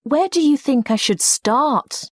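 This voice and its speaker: Woman playing university student, scripted dialogue, unhurried, animated intonation, polite and keen, dry sound. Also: high-pitched, dry recording. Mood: keen, inquiring. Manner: polite, inquiring. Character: keen female university student seeking advice.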